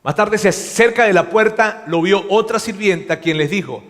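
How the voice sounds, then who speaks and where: A male pastor preaching a sermon, telling the story in an animated way and acting out the dialogue. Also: high voice, moderate pace. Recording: long hall reverb.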